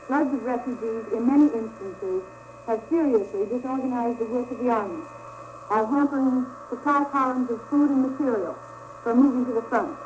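A woman foreign correspondent delivers a deliberate, formal news report in a slightly high voice. It comes through as an old newsreel-style archival radio broadcast, thick with static and hiss. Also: darkish tone, poor audio.

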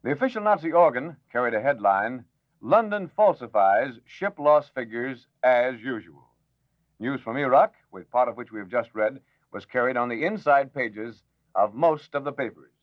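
A man reading a formal radio news bulletin in a measured announcer manner, heard as an old newsreel-style broadcast. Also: mid-range voice, animated, dry recording. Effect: old newsreel-style broadcast sound. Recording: dull lo-fi old radio recording, dry.

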